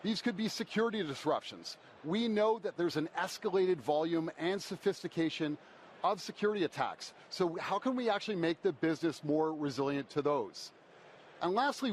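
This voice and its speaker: A man giving a podium speech as a conference presenter, explaining step by step and posing questions that he then answers. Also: a little high. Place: conference stage. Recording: faint background noise.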